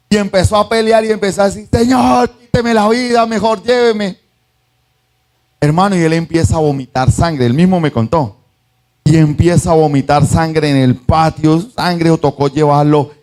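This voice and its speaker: A man preaching a sermon as pastor, acting out voices from the story and asking his congregation questions. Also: a little high. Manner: animated, acts out the voices of the story; asks the congregation "¿sí o no?".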